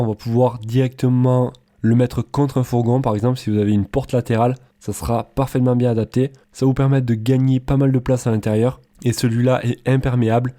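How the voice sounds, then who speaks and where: A man giving a casual product comparison voice-over in a chatty, relaxed way, with frequent hesitations. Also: medium pitch. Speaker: product reviewer.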